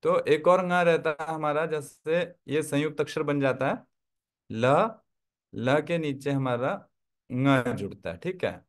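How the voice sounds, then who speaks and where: A man with a somewhat high voice teaches Tibetan script in an online class, speaking slowly. He explains each step in turn and keeps checking that his listeners are with him.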